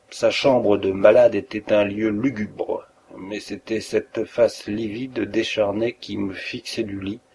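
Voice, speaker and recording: Low-voiced man narrating a story. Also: a little mellow, slight background noise. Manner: measured storytelling reader. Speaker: audiobook narrator. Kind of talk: scripted narration of a detective story.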